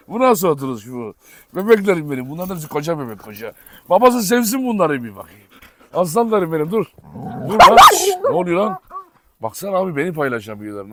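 A man filming a casual vlog outdoors in a yard, talking fondly to his dogs and explaining to viewers, with sharp commands now and then. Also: on the high side. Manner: affectionate baby talk to dogs, sharp commands. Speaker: dog breeder vlogger. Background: dogs barking.

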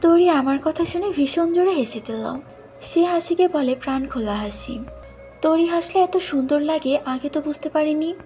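High-pitched woman reading a story aloud. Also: normal speed, dark tone, faint music behind. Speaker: audiobook narrator. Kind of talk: first-person storybook narration.

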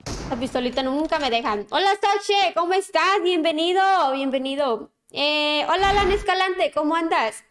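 A woman's voice: high voice, lively intonation, normal speed, a bit bright. A woman with a Mexican accent chatting casually on a gaming livestream, greeting viewers by name as she plays. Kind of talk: casual livestream chat while playing.

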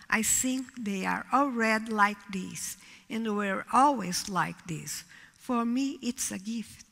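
An older woman with a Brazilian Portuguese accent gives a measured keynote lecture at a podium microphone, her line ends trailing off softly. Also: medium pitch, gravelly. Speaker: keynote speaker. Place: large lecture hall. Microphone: podium microphone on a stand. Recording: reverberant hall, heard from a distance.

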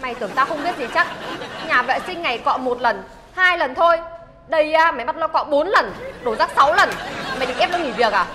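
A woman's voice: high-pitched, animated, brisk. A woman playing a firm boss who scolds but is fair, heard in an echoey space with crowd noise. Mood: scolding. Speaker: shop's boss. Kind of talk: comedy sketch acting.

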